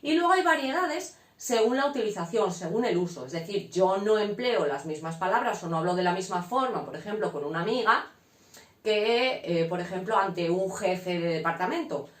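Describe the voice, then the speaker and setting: A woman, giving a casual classroom lesson to students. Her voice sits at a middle pitch, and she keeps stopping to check that they follow with quick questions. The sound bounces around an echoey room. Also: lively intonation. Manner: frequent "¿vale?" check-ins, explanatory. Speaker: teacher.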